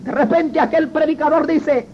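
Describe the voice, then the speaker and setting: Preacher, man, very high voice, fervent testimony sermon, slightly muffled recording. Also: steady tone, moderate pace, slight background noise. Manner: fervent storytelling, addresses listeners as brother. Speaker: preacher giving his testimony.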